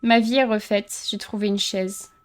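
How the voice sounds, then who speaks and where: A woman streams a horror game with let's-play commentary, joking and poking fun at herself and occasionally stumbling over text she reads aloud. Her voice is medium in pitch with fairly even intonation and a moderate pace.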